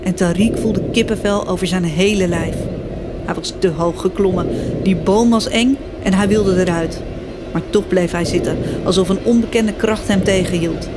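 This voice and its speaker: A woman reading a children's story aloud as scripted narration, expressive and lively, voicing the characters' cries. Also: medium pitch, moderate pace, background noise. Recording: music bed behind voice.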